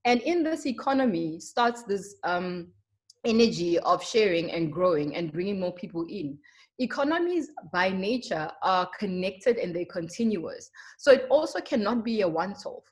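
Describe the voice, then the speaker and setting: A woman's voice: mid-range voice, sing-song, moderate pace, a little mellow. A young South African woman with a South African accent, a marketer giving an earnest, emphatic webinar presentation with frequent ums. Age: young adult.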